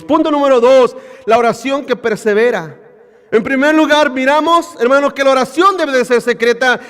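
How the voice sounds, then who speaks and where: A man with a Latin American Spanish accent preaching a sermon as pastor, emphatic and animated, with repeated phrases and rhetorical questions. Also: very high voice, clear, resonant tone, long reverb tail. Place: church.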